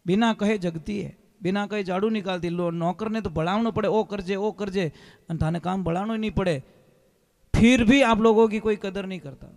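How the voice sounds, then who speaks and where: High-voiced preacher telling stories. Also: male voice, moderate pace. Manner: animated storyteller, switching into character voices. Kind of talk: devotional sermon storytelling. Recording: long hall reverb.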